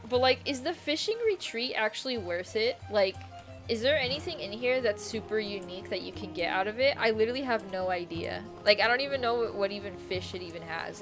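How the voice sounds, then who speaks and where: A young woman talks her way through a game stream in a loose, rambling way, giggling often and swearing now and then. Her voice sits at an ordinary middle pitch, and faint music plays behind her. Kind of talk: casual game stream chat.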